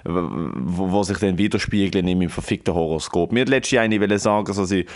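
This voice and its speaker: A man's voice: low-pitched, fast. A man, co-hosting a casual podcast, ranting brashly and swearing often. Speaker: podcast co-host. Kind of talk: casual chat.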